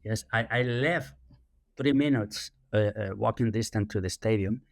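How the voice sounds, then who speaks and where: A man from Spain with a Spanish accent, a youth soccer director answering interview questions in a measured way with many fillers. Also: fairly low pitch, creaky, dry recording, studio quality.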